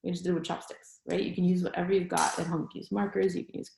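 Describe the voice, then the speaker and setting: A woman's voice: fairly low pitch, level tone, very fast, vocal fry, background noise. A woman leading a staff training session, chatty and explanatory, who keeps checking in with her listeners as she goes. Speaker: staff trainer for child therapy. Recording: roomy echo with faint music.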